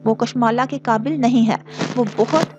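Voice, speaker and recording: A woman's voice: fairly high pitch, moderate pace, darkish tone, highs cut off, soft background music, natural voice. Woman voicing an agitated young man. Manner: curt and agitated. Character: tense, angry young man, troubled by a broken romance.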